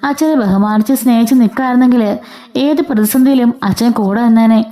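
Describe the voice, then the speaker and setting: A woman's voice: a little high, a little fast, warm tone, lightly acted. A woman voicing a caring young woman who comforts others but speaks firmly. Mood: concerned.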